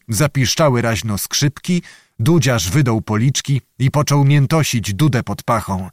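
A man narrating a historical novel as an audiobook, with expressive storytelling, in a dry, close recording. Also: medium pitch, dry recording.

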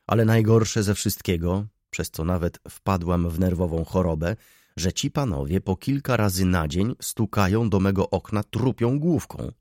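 Male reader as fussy baroness: high, plaintive, complaining; dry recording. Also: normal speed, darkish tone, dry recording, natural voice. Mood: plaintive complaint. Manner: shrill, wailing, plaintive. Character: fussy, complaining middle-aged female baroness landlady. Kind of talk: audiobook reading.

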